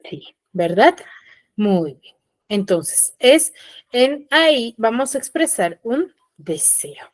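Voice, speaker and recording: A woman teacher giving an online class, explaining patiently, acting out example sentences with feeling and often tagging on quick checking questions. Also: a little high, big pitch swings, no echo.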